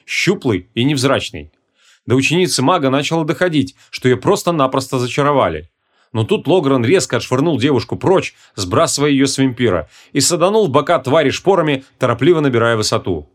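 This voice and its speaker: A man narrating a humorous fantasy audiobook in an expressive, dramatic storytelling manner. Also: medium pitch.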